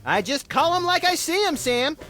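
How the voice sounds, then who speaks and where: A man's voice: very high voice, sing-song, moderate pace, pushed and bright, faint music behind, full character voice. An actor playing a small, manic, gleefully violent male rabbit sidekick in a comic cartoon game, impish and wisecracking. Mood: impish glee.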